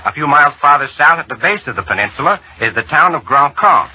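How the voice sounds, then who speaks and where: An American man giving a grave, formal 1940s war news broadcast with measured delivery on an old radio recording. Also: on the high side, sing-song, breathy edge, muffled recording. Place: radio studio.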